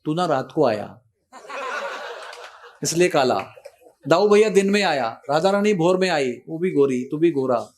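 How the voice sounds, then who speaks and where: A man voicing a gentle mother comforting her crying little son, within a storytelling sermon. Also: on the high side, expressive, measured pace, pauses often, slight background noise. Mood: coaxing.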